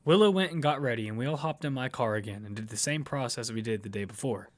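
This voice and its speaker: A man plays a determined lead narrating his own survival story in first-person audio fiction, telling it in a matter-of-fact way. His natural, medium-pitched voice moves fast, with a music bed underneath.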